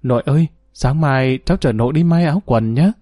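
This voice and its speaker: A man's voice: medium pitch, brisk, warm tone, dry recording, clean studio sound, close to an everyday voice. A man voicing an eager, affectionate little granddaughter who wheedles her grandmother in a storybook narration. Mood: eager coaxing.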